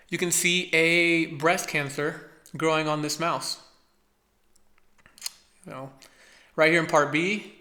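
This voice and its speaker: A young man with a lisp that slurs his s sounds, giving an informal, halting research presentation as a student presenter. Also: fairly high pitch, sharp tone. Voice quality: lisp from braces, slushy s sounds. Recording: echoey room sound.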